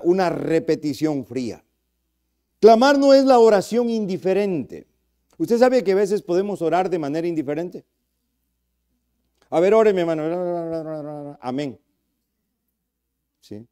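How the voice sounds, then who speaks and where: A man preaching a passionate sermon as pastor, speaking straight to his listeners and swinging from loud cries to hushed lines. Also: sits high. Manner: addresses listeners directly as brother. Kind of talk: Spanish-language sermon.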